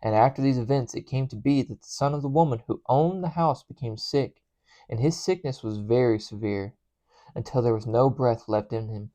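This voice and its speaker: A man reads scripture aloud in a steady, earnest voice of middle pitch. Now and then he trips over a name and starts it again. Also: normal speed. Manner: earnest, stumbles and restarts on names. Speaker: scripture reader.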